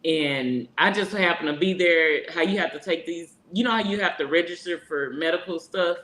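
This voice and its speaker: A woman's voice: fairly low pitch, moderate pace, a bit bright. Rambling woman in an echoey room. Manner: rambling storytelling with many restarts. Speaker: co-host. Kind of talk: casual chat. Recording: roomy echo.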